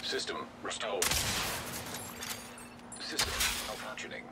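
A cold machine voice for a game's onboard system, filtered so it rings metallic and robotic. It reads each status call slowly and in a clipped, flat way, somewhat low for a man. Loud gunfire and explosions crash over it. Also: gravelly, heavy background noise, heavily acted. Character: male in-game computer system voice announcing status.

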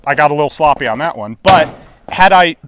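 A man with a slightly high voice talks through his run in a relaxed, plain way. He is outdoors at a range, and background noise is clearly audible. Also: brisk. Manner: relaxed, matter-of-fact recap. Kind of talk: casual post-stage debrief. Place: outdoor desert shooting range.

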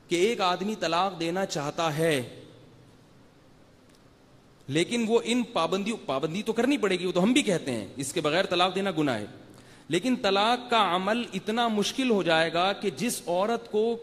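A man's voice: sits high, long reverb tail. A man giving a religious lecture to a live audience, talking conversationally, asking the listeners rhetorical questions and telling anecdotes. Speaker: Islamic scholar giving a Ramadan night lecture.

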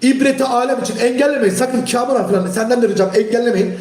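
A man hosting a live stream, ranting heatedly at his chat and often shouting. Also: extremely high pitch, fast, roomy sound. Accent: Turkish. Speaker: livestream host. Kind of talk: angry live-stream rant.

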